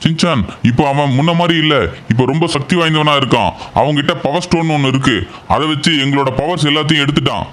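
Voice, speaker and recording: A man's voice: fairly high pitch, fast, fairly bright tone, natural voice. A man voicing a grieving, powerless thunder god in a game role-play, solemn and despairing.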